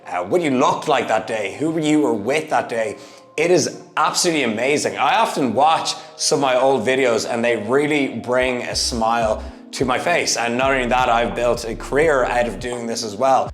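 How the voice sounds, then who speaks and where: An energetic fitness YouTuber in his thirties records an emphatic motivational monologue, shifting between loud bursts and low asides. The room is echoey, with faint music in the background.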